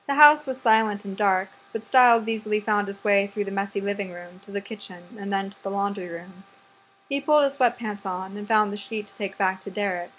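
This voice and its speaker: A woman narrating an audiobook in a soft, measured way, often dropping quieter. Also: medium pitch. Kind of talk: scripted narration.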